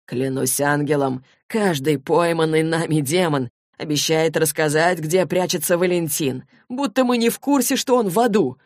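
A woman voicing a cocky, cold and mocking young male demon hunter in an audiobook, talking slowly and scornfully. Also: deep voice, dry recording, studio quality. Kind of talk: audiobook reading.

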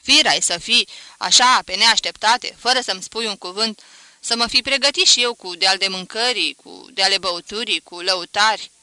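A woman voicing a flustered village mother who scolds her son in loud exclamations in a storybook reading. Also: on the high side, expressive, clear, resonant tone, dry recording. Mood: scolding.

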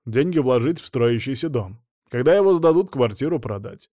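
A man's voice: mid-range voice, expressive, normal speed, mellow, no echo, natural voice. A man voicing a scheming, greedy middle-aged ex-husband who talks pushily in an audiobook, in a dry room. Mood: persuasive. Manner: smooth-talking, pushy.

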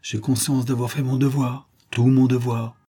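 A man's voice: medium pitch, little pitch movement, moderate pace, dark tone, husky, voice pushed up. A man reading as a proud, anxious young avenger. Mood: earnest.

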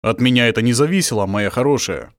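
A male audiobook reader voicing a calm, weary middle-aged prince who speaks in a measured way. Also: medium pitch, dry recording, clean studio sound, natural voice. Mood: grave. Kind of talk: audiobook character voice.

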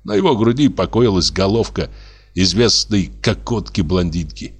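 A man reading a literary story aloud, expressive and acting out the narrator's own outbursts. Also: low-pitched, normal speed, breathy edge. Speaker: audiobook reader.

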